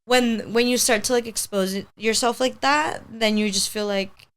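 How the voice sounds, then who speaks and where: Her voice is on the high side with fairly even intonation, smooth and at a moderate pace. She's a twenty-something hair stylist whose first language is Spanish, rambling cheerfully as a podcast guest and using "like" constantly.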